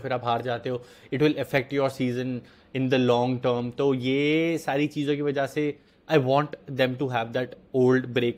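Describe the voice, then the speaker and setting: A young man talks football in a casual vlog, mixing Hindi and English mid-sentence. His voice sits at a medium pitch, and he sounds chatty and opinionated. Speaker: football YouTuber.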